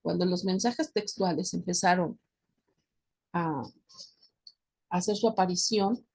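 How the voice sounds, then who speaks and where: A woman's voice: lowish voice, slow pace, a little mellow, slightly rough. Mexican woman teaching a lesson. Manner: explanatory, checks in with "¿verdad?"; addresses students directly. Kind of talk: recorded class lecture.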